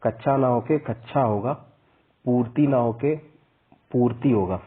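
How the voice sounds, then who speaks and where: Man with a husky voice teaching Hindi spelling. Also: mid-range voice. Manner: slow and repetitive, spelling out vowel signs. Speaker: exam prep teacher. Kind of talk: spelling lesson. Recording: tinny phone-like sound.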